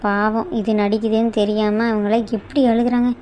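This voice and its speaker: A woman voicing a sharp-tongued younger sister in a cartoon, mocking and scolding. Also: mid-range voice, level tone, moderate pace, a little hiss or hum, lightly acted. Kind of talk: cartoon voice acting.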